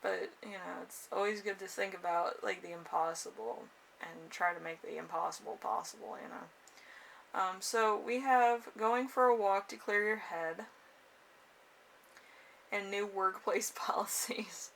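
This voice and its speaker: A woman's voice: medium pitch, unhurried, gravelly, a bit bright. A woman giving a casual, improvised tarot horoscope reading, rambling and hesitant as she goes. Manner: rambling and hesitant, trailing off with frequent chuckles. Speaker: tarot card reader and channel host. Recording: noisy room, distant microphone.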